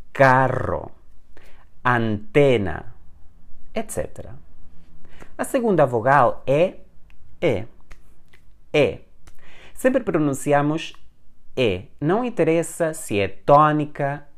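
Slow, patient male language teacher. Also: medium pitch. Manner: patient, repeats example words slowly and clearly. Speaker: Spanish teacher. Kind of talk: explanatory language lesson.

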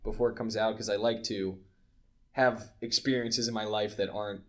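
A man's voice: fairly low pitch, steady tone, fairly quick. A young man co-hosting a podcast, chatting casually and often trailing off mid-sentence. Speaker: podcast co-host. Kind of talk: casual chat.

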